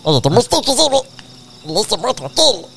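High-voiced man in playful make-believe storytelling. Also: big pitch swings, fast, vocal fry, fairly bright tone, slight background noise. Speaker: co-host of an improvised adventure story. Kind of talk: improvised audio storytelling in dialogue.

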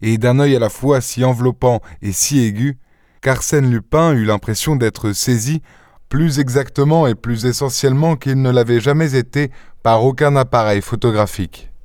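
Narrateur posé au son sec. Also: male voice, medium pitch, darkish tone, no room sound, clean studio sound. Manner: measured, literary. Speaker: audiobook reader. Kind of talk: scripted narration.

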